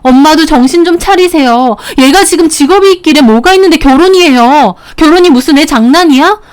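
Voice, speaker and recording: A woman's voice: high voice, a little fast, voice pushed up, lightly acted. A woman voicing an exasperated young wife who argues back with her family in a dramatized story reading. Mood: indignant. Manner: indignant, raised voice.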